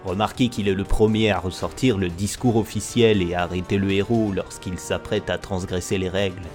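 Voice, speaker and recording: A low-pitched man narrates a satirical mock-documentary investigation with a steady tone and moderate pace. His manner is grave and conspiratorial, and music plays beneath his voice.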